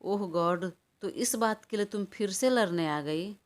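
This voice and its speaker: A woman's voice: mid-range voice, a little slow, natural voice. A woman reading an audio story, voicing a weary, irritated young man who talks in an exasperated way. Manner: exasperated, pleading for rest. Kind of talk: audiobook character voice.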